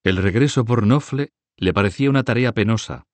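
A man narrating an audiobook with a measured, expressive reading. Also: on the low side, no room sound. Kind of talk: scripted narration.

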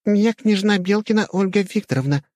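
A man's voice: high-pitched, normal speed, a little mellow, dry recording, pitched above the performer's own voice, close to an everyday voice. A man voicing a playful, haughty young princess who speaks in a mock-formal way in an audiobook. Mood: mock-solemn.

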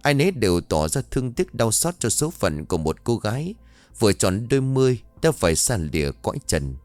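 A man narrating a horror story in a measured, expressive storytelling voice. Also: fairly low pitch, no room sound. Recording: dry studio voice-over with faint music.

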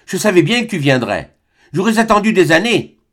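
A young woman, passionate and pleading, as a male narrator puts her on, speaks in a raised, lively voice that swoops with emotion. Her lines carry urgency and tenderness, read with an audiobook's close, clean sound. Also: sits high, fairly quick, voice pushed up, full character voice. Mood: longing. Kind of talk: audiobook character reading.

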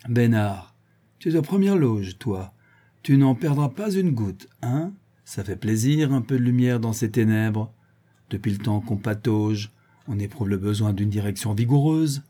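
A taunting, cheerful gentleman hero, as a male audiobook reader puts him on. He speaks with an ironic theatrical flair, lifted high and bright over a husky, mellow base. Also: lively intonation, measured pace. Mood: jovial. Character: mocking, jovial gentleman adventurer, male, adult.

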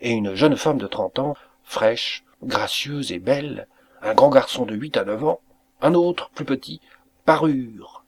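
A man narrating a literary story as an audiobook reader, with a measured, expressive delivery. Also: medium pitch. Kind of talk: scripted narration.

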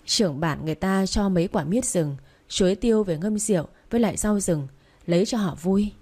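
A woman's voice: mid-range voice, brisk, darkish tone, lightly acted. A woman reading an easygoing young friend in an audiobook, casual and matter-of-fact.

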